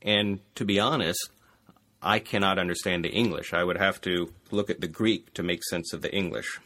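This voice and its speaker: A classics scholar explains ancient texts in an easy conversational interview. His voice is very low and his phrases fade quietly at their ends. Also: moderate pace.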